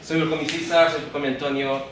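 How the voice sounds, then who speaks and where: On stage in a large, echoey event hall, a man from Peru in his thirties addresses an audience in English with a Spanish accent. His voice is a little high with a level tone, recorded from a distance amid background noise. He often stumbles, repeats and restarts his words, laughing along with the crowd.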